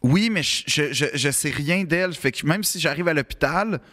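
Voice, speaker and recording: A man with a Quebec French accent telling a comic story in casual podcast chat, animated and halting, full of restarts and repeated words. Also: on the high side. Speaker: podcast co-host.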